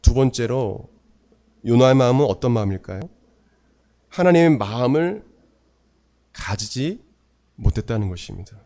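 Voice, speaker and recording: A male pastor delivers a sermon in his church. He preaches with emphasis, slowing on key phrases and hurrying through others. His voice sits at an ordinary middle pitch. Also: animated, mellow.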